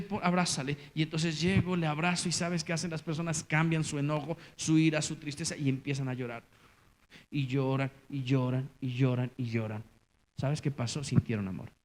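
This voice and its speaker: A man preaching a sermon as pastor, swinging from loud calls to hushed, low lines. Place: church. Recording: church hall reverb.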